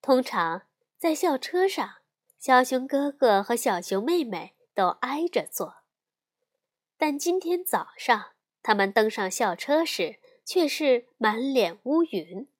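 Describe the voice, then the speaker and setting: A woman reading a children's picture book aloud in an expressive storytelling manner. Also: high-pitched, takes it slowly.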